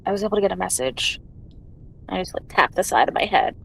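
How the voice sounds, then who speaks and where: A woman playing a tabletop game, chatting in an animated way and laughing often. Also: medium pitch, fast, gravelly, slight background noise, low-quality recording. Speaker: player. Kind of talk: casual tabletop play.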